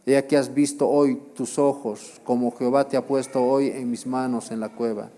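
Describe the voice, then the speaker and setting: A man's voice: medium pitch, little pitch movement, normal speed, mellow. A male pastor preaching a sermon, with repeated phrases, rhetorical questions to the congregation and emphatic exclamations.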